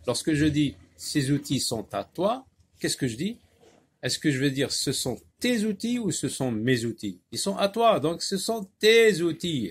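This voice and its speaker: A man teaching a French reading lesson, talking slowly and deliberately and spelling out letters and syllables. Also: fairly high pitch, slightly rough.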